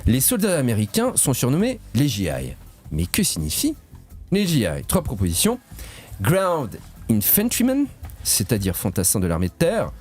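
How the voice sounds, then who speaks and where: Lively man hosting a radio quiz. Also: mid-range voice, moderate pace, slightly rough, soft background music. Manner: lively, joking, stretches key words. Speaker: quiz host. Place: radio studio.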